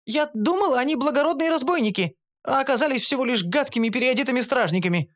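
A young female gnome with a very high, eager voice, as a male reader puts her on. She sounds earnest and anxious, and her pitch bounces around. This is an audiobook character voice. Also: animated, fast talker, fairly bright tone. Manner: eager, pleading.

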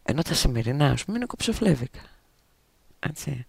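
A man's voice: mid-range voice, big pitch swings, vocal fry, a little mellow, slightly rough, no room sound. A man hosting a web radio show, chatting casually and teasingly on air with a lot of hesitation. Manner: easygoing and teasing, with many hesitations.

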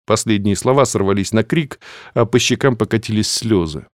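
A man narrating an audiobook in a steady, measured way. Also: on the low side, no echo, clean studio sound.

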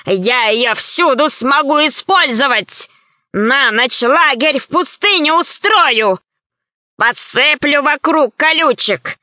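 A woman voicing a brutish, boastful male pirate chief who threatens and brags in drawn-out phrases, in a storybook reading. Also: sits high, bright, forceful tone, no echo, full character voice. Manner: gruff, bragging, drawn-out threats. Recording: slightly dull, dry recording.

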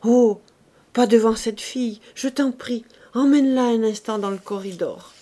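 A woman reading aloud, voicing a young pregnant wife in labor who is ashamed and pleading, her voice pitched higher and louder. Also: normal speed, close to an everyday voice.

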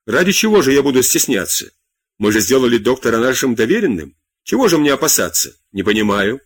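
A man reading an audiobook, voicing a proud, anguished queen who pleads bitterly, pitching his voice up. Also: sing-song, a little fast, slightly rough. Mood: bitter pleading. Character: proud anguished Queen Marie Antoinette, woman.

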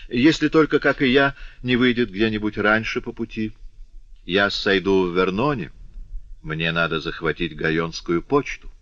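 A man's voice: fairly low pitch, normal speed, fairly bright tone, no echo, highs cut off, close to an everyday voice. A man voicing a glib, self-assured young lancer officer. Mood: breezy. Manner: jaunty, glib, worldly-wise.

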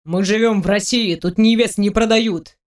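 A woman with a natural, mid-range voice reads an audiobook at a normal pace. She voices a stubborn young man whose replies are sarcastic and defiant, giving the scene a defiant mood.

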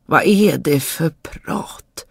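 A storyteller voicing a stern old father who speaks slowly and scoldingly. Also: mid-range voice, gravelly, breathy edge, no room sound, studio quality. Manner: slow, scolding.

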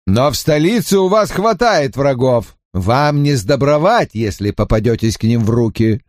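A man voicing a cold, measured, sinister gentleman in an audiobook. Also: mid-range voice, lively intonation, dry recording, clean studio sound, lightly acted. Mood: scornful.

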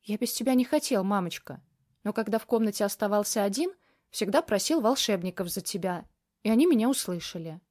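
A woman's voice: medium pitch, lively intonation, brisk, darkish tone, natural voice. A woman voicing an earnest, loving little boy of about six in an audiobook. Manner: earnest, childlike.

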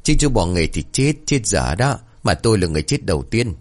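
A man's voice: lowish voice, sing-song, a little fast, a little mellow. A man voicing a frightened, balding old village man who stammers and pleads for help. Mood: pleading.

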